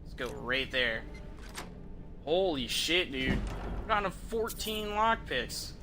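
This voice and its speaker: Over music, a man livestreams a video game with casual commentary for his viewers, full of profanity and slang. His voice is fairly high, with big swings in pitch, and he talks slowly.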